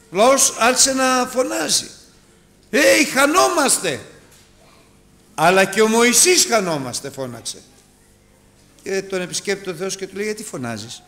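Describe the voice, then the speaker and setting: A man preaching a sermon to his congregation, calling them brothers and moving between loud urgent appeals and hushed asides. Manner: dramatic, rises and drops sharply in pitch and loudness; addresses listeners as brothers.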